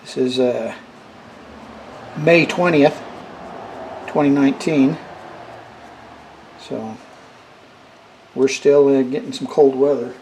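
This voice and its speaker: Slow-talking man over rain on tin roof. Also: mid-range voice, steady tone, a little mellow. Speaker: repair demonstrator. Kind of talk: hands-on tutorial, casual talk while working. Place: workshop with metal roof, indoors. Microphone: camera over the workbench. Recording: noisy shop, rain on metal roof. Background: rain drumming on tin roof.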